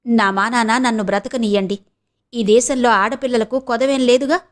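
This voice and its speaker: A woman's voice: fairly high pitch, steady tone, normal speed, lightly acted. A woman voicing a proud, defiant young wife in an audio novel, speaking in cutting, sarcastic retorts.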